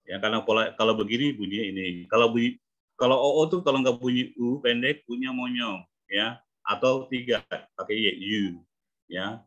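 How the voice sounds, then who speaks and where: A man coaching English pronunciation in an online class, explaining patiently and sounding out example words slowly. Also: mid-range voice, steady tone, fairly bright tone. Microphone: video call. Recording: muffled video-call audio.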